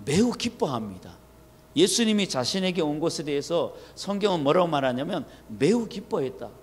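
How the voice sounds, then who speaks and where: Animated Korean pastor preaching in a church. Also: male voice, sits high. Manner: storytelling preaching with quoted dialogue. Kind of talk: sermon. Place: church sanctuary. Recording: long hall reverb.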